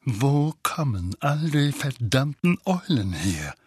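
A man's voice: mid-range voice, huge pitch swings, slow pace, a bit bright, slightly rough, dry recording, clean studio sound, heavily acted. A man voicing a blustering, furious middle-aged uncle who barks and bellows at his nephew. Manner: bellowing, barking.

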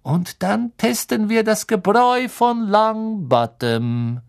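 A man voicing a cold, sneering male teacher who drags his words out slowly. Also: sits high, lively intonation, gravelly, pitched above the performer's own voice, heavily acted. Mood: cold command. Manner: slow, drawn-out, icy and mocking.

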